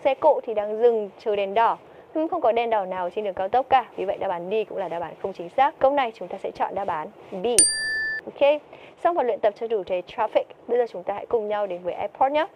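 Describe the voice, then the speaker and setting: A woman's voice: mid-range voice, animated, fairly quick, highs cut off, slight background noise. A woman teaching TOEIC vocabulary, who keeps asking her students questions and answering them herself. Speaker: English teacher.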